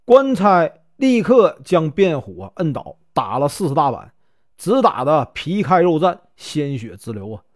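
Lively Northeastern Chinese male storyteller. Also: a little high, a little slow. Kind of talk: storytelling narration.

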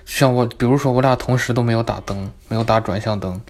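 Young man, chatty storyteller, comic, animated, middle pitch. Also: fast talker. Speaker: vlogger. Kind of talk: casual storytelling.

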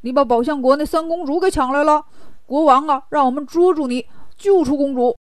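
A woman's voice: sits high, fairly quick, no room sound, studio quality, close to an everyday voice. A woman voicing Zhu Bajie, a bragging pig monk. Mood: cocky. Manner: bragging, comically lazy. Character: boastful greedy pig-headed male monk.

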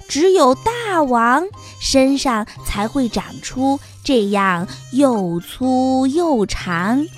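A woman narrating a children's story in a gentle, sing-song storybook manner. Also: sits high.

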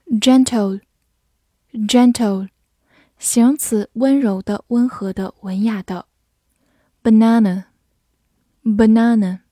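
A woman teaching English vocabulary in a slow, careful way, spelling out words letter by letter and repeating them. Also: fairly high pitch, dark tone, breathy edge, no room sound, studio quality. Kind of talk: vocabulary lesson.

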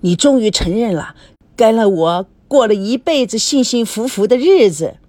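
A woman's voice: fairly high pitch, animated, moderate pace, mellow, no room sound. A woman voicing a playful, jealous old grandfather who keeps pressing his point. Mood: teasing. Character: older grandfather, teasing and jealous.

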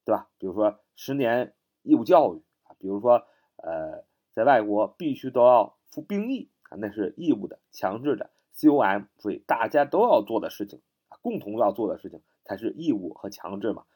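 A man's voice: lowish voice, very animated, warm tone. A man teaching English vocabulary in a spoken lesson, spelling words out letter by letter and repeating them patiently. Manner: patient, repetitive, ends phrases with drawn-out particles.

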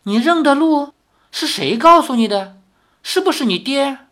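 A reader raising the voice into an old woman elder from a martial-arts storybook, her pitch lifted well above the narration and swinging widely. She questions sharply at first, then turns courteous with old-fashioned formal phrasing. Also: expressive, normal speed, fairly bright tone. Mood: probing. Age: older. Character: stern then kindly old woman, elder of a hidden sect.

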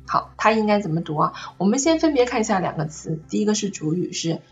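A woman's voice: mid-range voice, sing-song, quick pace, muffled recording. A woman teacher explaining French pronunciation and intonation in a patient, explanatory way, often asking "right?" to check in. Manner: patient, checks in with rhetorical questions. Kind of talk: online lesson on French intonation.

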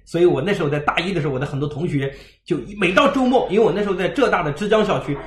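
A man giving a livestream parenting lecture, telling stories in a lively way and acting out the dialogue. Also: high-pitched, very fast, echoey room. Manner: lively storytelling, acts out dialogue.

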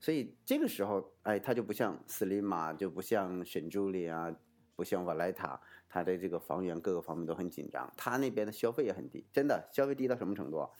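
A man speaking in a casual, explanatory way, like an advisor talking someone through a choice. His pitch swoops up and down freely, which makes him sound lively. He poses rhetorical questions and answers them himself, and his sentences keep restarting around little fillers. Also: fairly quick. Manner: animated, swooping intonation.

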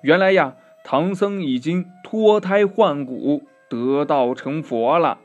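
A man narrating a children's story in a slow, expressive telling style. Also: fairly high pitch, muffled recording, faint music behind. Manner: slow, expressive, drawn-out "呀" endings.

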